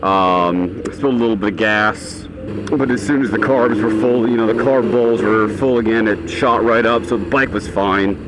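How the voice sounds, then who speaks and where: A man's voice: lowish voice, moderate pace. A man vlogging casually as he rides a motorcycle, talking from inside his helmet in a rambling, offhand way. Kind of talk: casual rambling vlog talk. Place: outdoors on a motorcycle in traffic. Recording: engine and road noise, inside a helmet.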